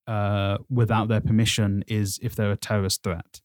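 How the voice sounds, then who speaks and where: A man giving casual news commentary as a podcast host, with hesitant, halting phrasing. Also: fairly low pitch, level tone, a little mellow, no echo, studio quality.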